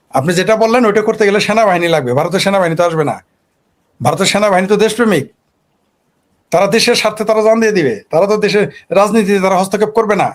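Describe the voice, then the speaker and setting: Man, high-pitched, political commentator, argumentative, rhetorical questions. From Bangladesh. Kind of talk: animated political monologue.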